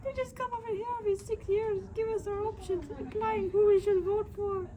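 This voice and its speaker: A woman's voice: extremely high pitch, fairly even intonation, a little fast, warm tone. A woman playing a resigned rural villager in a comedy sketch, speaking plainly.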